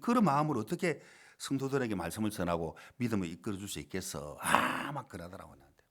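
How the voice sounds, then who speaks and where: A middle-aged male pastor preaching a sermon in a church, telling a story with dramatic swings between loud and quiet. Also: on the low side, sing-song, fast. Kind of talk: sermon with acted-out quotes. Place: church sanctuary.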